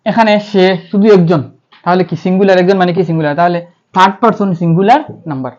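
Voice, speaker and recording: A man's voice: high voice, fast talker, a little mellow. A man with a Bangladeshi accent teaching English grammar. He asks questions and answers them himself, and spells words out letter by letter. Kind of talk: classroom-style lecture. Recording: slightly dull, lo-fi.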